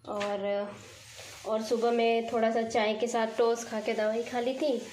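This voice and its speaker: A woman from India vlogs while she cleans her kitchen, talking steadily in a rather high, flat voice. She is still getting over a cold, and her throat is sore. The tiled kitchen gives her voice a strong echo, with faint noise behind it. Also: measured pace. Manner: chatty, talking while working. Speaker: village vlogger. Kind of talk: casual vlog chat while cleaning the kitchen. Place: home kitchen, tiled and echoey.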